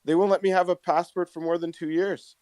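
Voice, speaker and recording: A man's voice: sits high, little pitch movement, a little fast, darkish tone, clean tone, no echo. A man chatting casually on a live audio call, ranting and swearing freely about travel trouble. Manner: swears a lot, frustrated rant. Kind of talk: casual chat.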